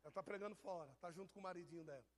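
A man's voice: high-pitched, rapid-fire. A man preaching, teasing and joking with people in his congregation. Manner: teasing, jokey, addresses people in the pews. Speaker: pastor. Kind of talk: informal sermon to a congregation.

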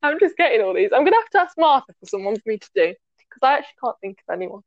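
A woman guest chatting on a podcast, giggling and playing herself down. Her voice is high and sounds close and dry. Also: big pitch swings, very fast, dry recording, lo-fi sound. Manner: self-deprecating, giggly. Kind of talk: casual chat.

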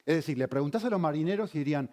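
A man's voice: a little high, expressive, racing, mellow. A man preaching a sermon, engaging the congregation with frequent questions. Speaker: pastor.

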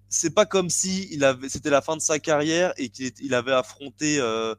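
A man co-hosting a podcast, chatting casually and haltingly with frequent restarts and fillers. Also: mid-range voice, fairly bright tone, no echo. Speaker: podcast co-host. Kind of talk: casual chat about boxing.

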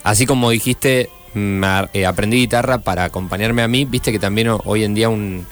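A man's voice: lowish voice, steady tone, fairly quick, soft background music. Hesitant Argentine male co-host. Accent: Argentine Spanish. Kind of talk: casual interview questions.

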